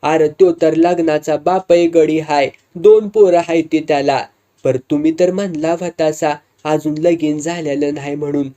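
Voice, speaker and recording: A man's voice: a little high, steady tone, normal speed, mellow, close to an everyday voice. A man doing a curt haughty landlord. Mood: dismissive. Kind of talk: storytelling with acted dialogue.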